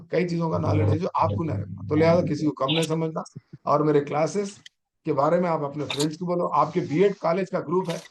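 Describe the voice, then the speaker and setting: A man's voice: on the high side, a little hiss or hum. Exhorting man. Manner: exhorting, fires rhetorical questions at students. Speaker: teacher trainer. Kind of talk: online exam-prep lecture.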